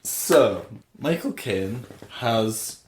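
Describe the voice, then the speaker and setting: A man's voice: medium pitch, lively intonation, drawn-out words, echoey room, a crowd in the background. A man co-hosting a podcast in casual chat, joking, laughing often and spinning comic tangents. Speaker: podcast co-host.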